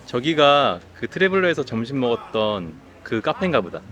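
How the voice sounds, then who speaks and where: Young man, casual travel chat, laid-back short replies, lively intonation, outdoors. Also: medium pitch, normal speed. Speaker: travel vlogger. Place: outdoors in a small town.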